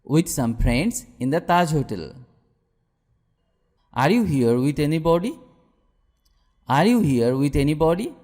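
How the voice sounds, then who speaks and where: A man's voice: a little high, lively intonation, a little slow, pauses often, a little mellow. A man teaching English by reading short questions and answers, saying each phrase twice. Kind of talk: repeated phrase drills. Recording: long hall reverb.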